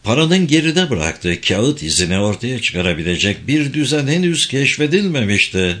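A man giving steady, scripted narration of a spy thriller audiobook. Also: mid-range voice, normal speed. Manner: steady, even reading.

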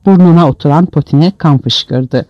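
A man's voice: a little high, moderate pace, a little mellow, no room sound. A man narrating an audiobook in a dramatic storytelling manner, on a dull, dry lo-fi recording.

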